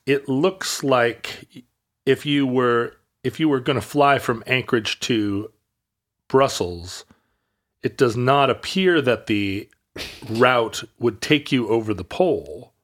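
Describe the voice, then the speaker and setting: A man from Alaska tells a long, rambling anecdote in casual conversation, restarting often and dropping wry asides. His voice is medium-pitched and a bit bright, and the talk is relaxed storytelling.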